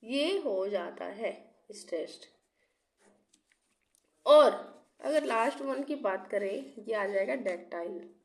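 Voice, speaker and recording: A young woman who teaches English literature gives an exam-prep lecture while sick, coughing occasionally, in a mid-range, slightly mellow voice with lively intonation. She goes slowly and pauses often, posing rhetorical questions, repeating key terms and regularly checking in with "theek hai."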